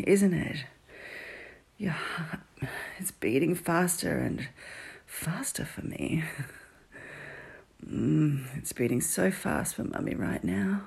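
A woman murmurs close and slow in a very breathy, husky whisper that often drops into a gravelly fry. Her delivery is soft and teasing, with long drawn-out hums between phrases. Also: sits low. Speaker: audio roleplay performer. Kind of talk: intimate whispered roleplay audio.

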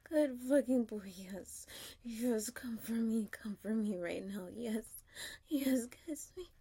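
A woman speaks in a high, airy voice, barely above a whisper. She takes her time over each phrase, soft and affectionate, as if leaning close to the listener. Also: takes it slowly, slightly rough. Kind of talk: whispered intimate audio roleplay.

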